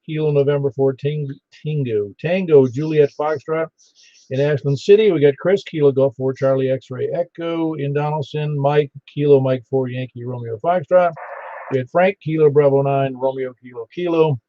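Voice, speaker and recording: Male net controller, fairly high mellow voice, halting easygoing roll call, dull ham radio audio. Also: no echo. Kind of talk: informal radio roll call with phonetic call signs.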